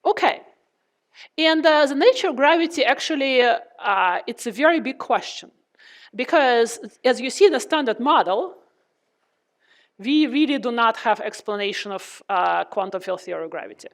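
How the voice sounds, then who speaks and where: Perempuan dosen, suara agak tinggi teredam masker. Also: female voice, on the high side, expressive, moderate pace. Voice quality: muffled, speaking through a face mask. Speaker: physics lecturer. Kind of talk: lecture with questions to the class. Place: lecture room.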